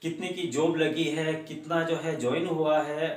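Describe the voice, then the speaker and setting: A man's voice: on the high side, fairly even intonation, measured pace, reverberant. A man in his thirties hosting a job channel, talking straight to camera with a lapel mic. He speaks earnestly and repeats himself while scolding viewers. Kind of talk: direct-to-camera talk. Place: small room at home, indoors.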